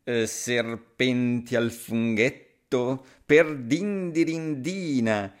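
A man's voice: medium pitch, extremely slow. A man voicing a sly grey snake in a storybook reading, drawing out his words.

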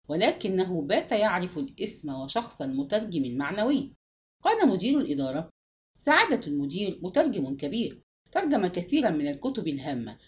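A woman reading a novel aloud as narrator, giving the characters' dialogue expressive voices. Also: medium pitch. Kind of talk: scripted audiobook narration.

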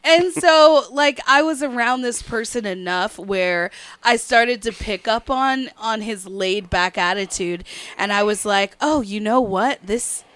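A woman's voice: on the high side, measured pace, fairly bright tone, clear, resonant tone, dry recording. A woman in casual podcast chat, talking openly and reflectively and laughing often.

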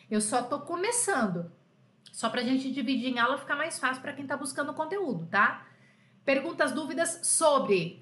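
A woman's voice: sits high, a bit bright, roomy sound. A Brazilian woman teaching a live French lesson in a chatty, affectionate way, often checking in with her students. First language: Portuguese.

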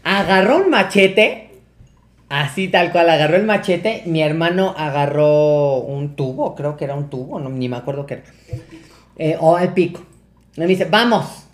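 A young man with a Mexican Spanish accent, telling a personal story as a podcast guest in a casual, animated way, acting out the voices of the people in it and swearing freely. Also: fairly high pitch, normal speed. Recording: roomy echo.

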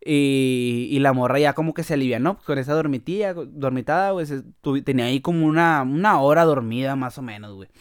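A man's voice: on the high side, clean tone. Crude Mexican podcast storyteller man. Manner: crude slang-heavy, laughing often. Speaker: podcast host. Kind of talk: casual comic storytelling.

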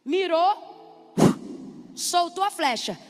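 A woman's voice: very high-pitched, lively intonation, drawn-out words. A woman pastor preaching a sermon, stretching her words for emphasis and calling out for responses from the congregation. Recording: long hall reverb with faint music.

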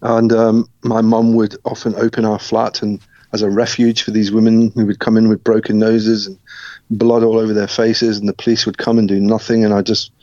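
A middle-aged man from Scotland recounts his life story as an interview guest. His voice sits low and stays flat, and he speaks in a measured, reflective way with small restarts. The recording is dry and a little muffled. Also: no echo.

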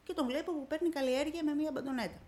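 A woman's voice: sits high, steady tone, warm tone. A woman guest on a radio interview, vividly retelling her own story and acting out the dialogue in it. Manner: vivid retelling, acting out quoted dialogue with constant "I say, she says". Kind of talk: emotional personal storytelling on radio.

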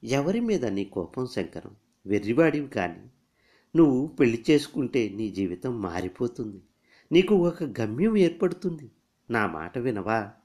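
A man reading a story aloud, voicing a firm, composed young woman who scorns weakness and later pleads gently. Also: mid-range voice, expressive, measured pace, voice pushed up, close to an everyday voice. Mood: coaxing. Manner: stern then gently pleading.

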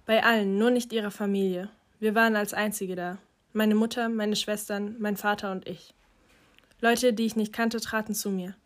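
Quiet, reflective woman narrating an audiobook. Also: mid-range voice, fairly even intonation, moderate pace. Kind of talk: first-person audiobook narration.

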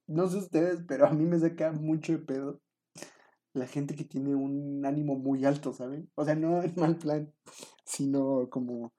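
A man's voice: a little high, warm tone. A young man with a Mexican accent telling a rambling, self-mocking story to his viewers, full of fillers. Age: young adult. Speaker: vlogger.

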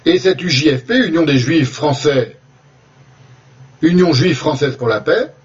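A man lectures in a husky, slightly breathy voice, working through his points deliberately and often restarting a phrase. The recording sounds dull and lo-fi, missing its highs. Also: expressive, far from the mic. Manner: deliberate, with frequent restarts and hesitations. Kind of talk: spoken lecture with slides.

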